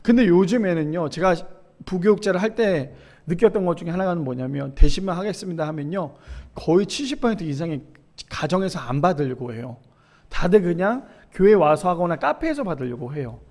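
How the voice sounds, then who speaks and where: A man's voice: sits high, expressive, a little fast, darkish tone. A male pastor preaching a sermon at a church service, reading scripture verses aloud and often asking the congregation questions. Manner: reads scripture verses aloud between remarks.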